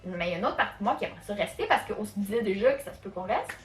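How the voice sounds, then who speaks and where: A woman's voice: mid-range voice, lively intonation, racing. A woman from Canada with a Quebec French accent, telling a casual storytime in a chatty way, full of fillers. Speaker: vlogger. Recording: echoey room, faint music.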